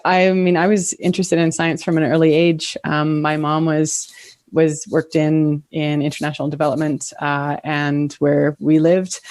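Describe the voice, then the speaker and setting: A woman from Canada speaks in a notably low voice, answering interview questions. She talks in quick bursts and pauses to search for her words. The recording is dry and close, as on a video call. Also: darkish tone, no echo. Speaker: guest, conservation scientist.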